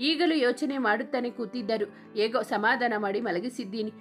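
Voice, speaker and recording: A woman's voice: fairly high pitch, a little fast, soft background music, lightly acted. A woman reading the lines of a shy, devoted young woman in a story, speaking playfully.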